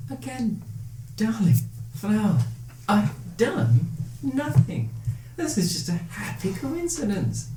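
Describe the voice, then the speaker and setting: A woman's voice: medium pitch, sing-song, slow, long pauses. A woman voicing a silky, manipulative fey patron who calls her charge darling, in an echoey room. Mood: coaxing. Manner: sweet, possessive, teasing. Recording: echoey room, faint noise.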